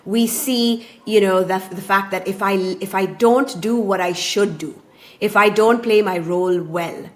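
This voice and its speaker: A woman in her thirties, raised abroad, speaking as a podcast guest and relationship coach in a thoughtful, measured way. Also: mid-range voice. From born in Taiwan, raised in Japan. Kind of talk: conversational podcast interview.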